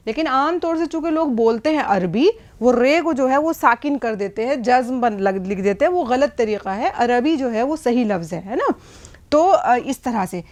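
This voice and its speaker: A woman's voice: on the high side, expressive, moderate pace, a little mellow. A middle-aged woman teaching a language lesson at a board, explaining patiently and often checking that listeners follow. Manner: patient explaining, frequent checks like "hai na?" and "theek hai". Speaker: Urdu teacher.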